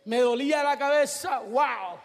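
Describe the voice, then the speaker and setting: A man preaching a fiery sermon, shouting in bursts and repeating phrases. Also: very high-pitched, unhurried, vocal fry, long reverb tail.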